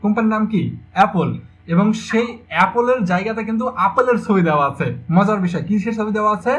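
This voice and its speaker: A man's voice: sits high, fast talker, a bit bright, dull audio. A young man teaching an online English grammar class, repeating questions and explaining step by step. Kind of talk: online exam-prep lecture.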